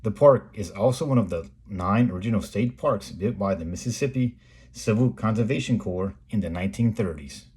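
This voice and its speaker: A middle-aged American man reading a scripted voice-over in a measured, plain explanatory way, as the host of a photography video. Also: on the low side, a little mellow, breathy edge. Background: background music.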